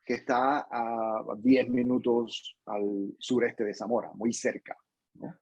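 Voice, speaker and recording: A man's voice: medium pitch, flat delivery, takes it slowly, darkish tone, dry recording, dull audio. A Cuban man answering interview questions in a thoughtful way, with frequent restarts and tag questions. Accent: Cuban Spanish. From Cuba. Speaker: interview guest, professor.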